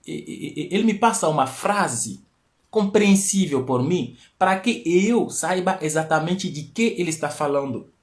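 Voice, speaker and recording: Teaching on a live stream, the host talks in an explanatory way, repeating key phrases and building to emphatic rising peaks. His voice sits on the high side, he's using a live stream mic, and Portuguese isn't his native tongue.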